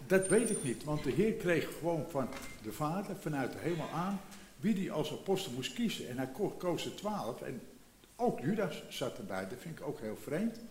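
A man's voice: on the high side, darkish tone, echoey room, slight background noise. A man in his seventies preaching a sermon in a reflective way, repeating phrases and rising for emphasis. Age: 70s.

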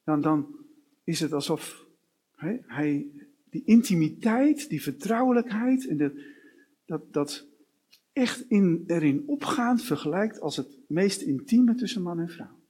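A male preacher delivers his sermon at an unhurried, deliberate pace. His voice is slightly high for a man and carries a husky edge. He builds his points through strings of repeated short questions. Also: expressive, warm tone. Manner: slow, with repeated rhetorical questions.

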